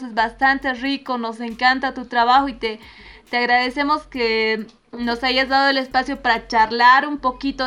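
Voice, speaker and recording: Here is a Bolivian woman hosting a relaxed talk show. She has a higher pitch and a bright, clear voice. She talks in a reflective, rambling way with plenty of fillers. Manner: reflective and warm, with many fillers. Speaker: host. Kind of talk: casual chat.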